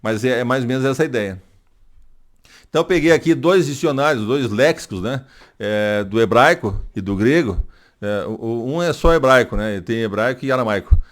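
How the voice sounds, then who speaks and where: A man's voice: medium pitch, lively intonation, moderate pace. A man teaching a Bible lesson in a conversational way. He checks in often with tag questions and restarts as he works through his explanations. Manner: hesitant restarts while working out explanations.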